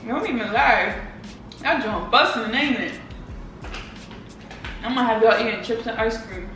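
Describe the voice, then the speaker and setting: A woman's voice: a little high, unhurried, fairly bright tone. A woman in her twenties with an American accent, bantering casually on camera in a playful, bossy way. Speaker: vlogger. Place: home kitchen, indoors. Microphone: camera across the counter. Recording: echoey kitchen, distant mic, music behind.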